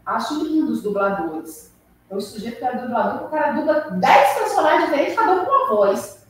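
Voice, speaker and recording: A woman leading a spiritist study class, animated and acting out quoted voices, recorded far off in a hall. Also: sits high, brisk. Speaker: study group lecturer. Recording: echoey room from far off, faint hiss.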